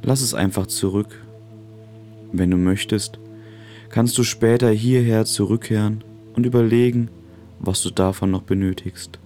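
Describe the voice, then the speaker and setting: Calm low-voiced man guiding relaxation. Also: soft background music. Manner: calm, gentle, soothing delivery with long pauses. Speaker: podcast host. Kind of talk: guided relaxation meditation narration.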